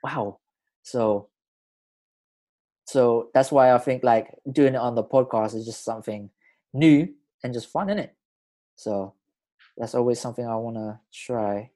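A male podcast host chats casually in a London roadman accent. His voice sits at a middle pitch, and he talks in loose street slang, often doubling back on his phrases. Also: a little slow, pauses often, dark tone. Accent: London roadman, urban slang. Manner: slangy, informal, repeats himself.

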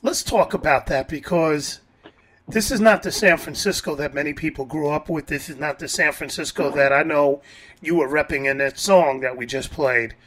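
A male radio host with a fairly high voice leads the interview at a measured pace. He pauses thoughtfully and picks his words with care. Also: fairly bright tone, slight background noise.

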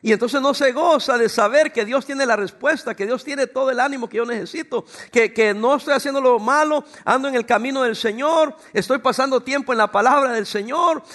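A man's voice: very high-pitched, normal speed, few pauses, a bit bright. A man preaching as a pastor, talking to his congregation in a conversational way and acting out short exchanges. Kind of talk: sermon.

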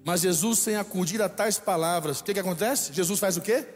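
High-voiced Brazilian preacher in an echoey hall. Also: male voice, brisk. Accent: Brazilian Portuguese. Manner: emphatic, repeats lines for the congregation to echo. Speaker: bishop preaching. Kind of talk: sermon. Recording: echoey hall with faint music.

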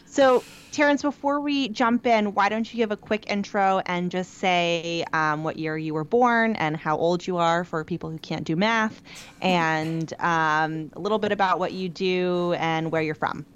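A woman hosting a podcast in casual, upbeat chat, often pausing on fillers. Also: on the low side, clean tone. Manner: upbeat, chatty, with frequent fillers. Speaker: podcast host. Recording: dull lo-fi sound.

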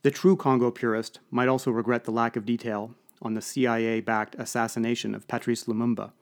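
A man's voice: mid-range voice, level tone, a little fast. Wry male audiobook narrator. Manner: dry, wry storytelling.

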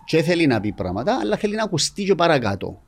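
Cypriot Greek man with lively, swinging intonation. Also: fairly high pitch. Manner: mild-toned. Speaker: podcast guest. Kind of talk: casual podcast conversation.

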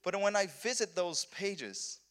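An animated Brazilian pastor with a high, slightly bright voice preaches unhurriedly in English at a conference. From southern Brazil and a Portuguese speaker, he is earnest and tends to restart and repeat words.

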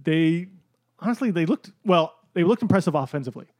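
A man's voice: a little high, expressive, brisk, a little mellow, no echo. A man co-hosting a casual sports betting chat, joking, laughing often and restarting his sentences. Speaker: podcast co-host.

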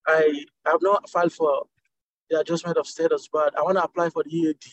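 High man on a car speakerphone. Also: level tone, brisk. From Nigeria. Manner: searching for words, restarting phrases. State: driving while calling in. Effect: car speakerphone phone line. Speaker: caller. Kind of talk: call-in question on a conference call. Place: inside a moving car. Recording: muffled lo-fi phone call.

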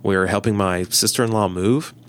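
The pastor talks at a brisk clip in a voice on the low side. He's casual on this podcast, bringing his stories to life by acting out the quoted dialogue.

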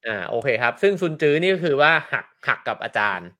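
Guy hosting a chat, mid pitch, quick, keeps summing things up. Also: sing-song, sharp tone. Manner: attentive, recaps and checks understanding. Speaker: host. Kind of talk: casual podcast chat.

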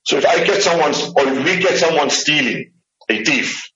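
A man's voice: fairly high pitch, lively intonation, moderate pace, sharp tone. A man, an Islamic scholar, giving a religious lecture with slides in an emphatic way, repeating key phrases. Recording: roomy, dull lo-fi room recording.

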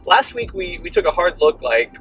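Middle-aged male podcaster, bright punchy voice, rambling and repetitive, casual coaching monologue, cheap portable mic, recorded in a vehicle, faint music. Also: high-pitched, lively intonation. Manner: halting, rambling, emphatic repetition. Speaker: podcast host, real estate broker. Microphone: low-quality portable mic.

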